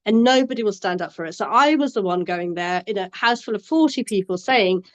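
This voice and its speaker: Expressive and fairly quick, a medium-pitched woman's voice belongs to a Bangladeshi support worker for abuse survivors. She discusses the topic passionately, earnest and emphatic, often starting her phrases over.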